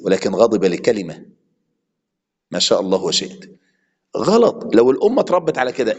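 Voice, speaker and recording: Here a man with a lowish, darkish voice and an Egyptian accent delivers a fervent sermon. He alternates between classical and colloquial Arabic, heard with long hall reverb.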